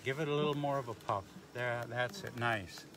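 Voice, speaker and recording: Male beekeeper, patient explainer, mid pitch, outdoor demo, heavy background noise. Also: moderate pace. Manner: patient, explanatory, a little joking. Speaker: beekeeper teaching a hive demo. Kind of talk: hands-on outdoor demonstration. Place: outdoors at beehives. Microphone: no working mic, picked up from a distance. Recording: very noisy outdoor live stream.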